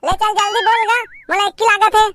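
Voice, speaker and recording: A woman's voice: extremely high pitch, fairly even intonation, brisk, fairly bright tone, dry recording, clean studio sound. A woman with a Chhattisgarhi accent performing a comedy sketch as a cheeky pupil who talks back to her teacher.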